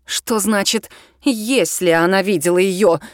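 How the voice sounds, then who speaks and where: A woman voicing a nervous, sharp-tongued young woman. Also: mid-range voice, unhurried, no echo, clean studio sound, natural voice.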